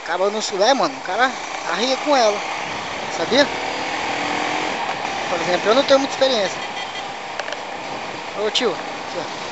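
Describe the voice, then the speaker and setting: A man's voice: sits high, expressive, moderate pace, long pauses, highs cut off. Chatty Brazilian man riding a motorbike. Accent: Manaus Brazilian Portuguese. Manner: chatty, slangy, chuckles to himself. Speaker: motovlogger. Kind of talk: casual riding commentary. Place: riding a motorcycle on city roads outdoors. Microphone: helmet or bike camera mic. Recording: loud wind and engine noise.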